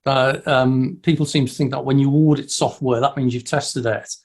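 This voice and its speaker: A man's voice: mid-range voice, fairly even intonation, moderate pace, a little mellow, husky. A man hosting a casual group chat over a video call. He talks in a loose, friendly way and often stumbles and restarts his sentences. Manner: chatty, many restarts. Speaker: host.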